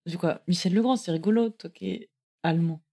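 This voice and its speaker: A bubbly woman improviser with a fairly low voice, tossing in ideas and laughing easily. She chats casually and eagerly. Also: a little fast, warm tone. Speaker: improv performer. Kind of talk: casual chat.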